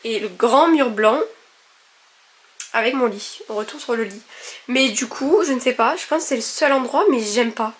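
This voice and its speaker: A woman's voice: fairly high pitch, moderate pace. A young woman chatting casually to camera in her own bedroom, full of fillers and restarts. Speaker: vlogger. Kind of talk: casual vlog chat.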